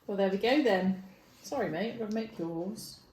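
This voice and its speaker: A woman's voice: medium pitch, brisk, a little mellow. A woman co-hosting a building video, chatting casually and joking as she builds. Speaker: co-host. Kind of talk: casual chat while building. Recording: echoey room with background noise.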